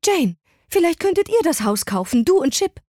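A woman's voice: fairly high pitch, animated, fairly quick, dry recording, studio quality, pitched above the performer's own voice. A woman voicing a frantic middle-aged mother who shrieks with indignation in an audiobook.

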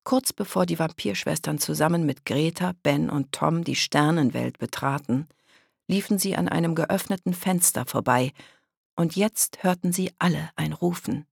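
Gravelly, husky audiobook narrator. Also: medium pitch, normal speed, no room sound, studio quality. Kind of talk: scripted children's book narration.

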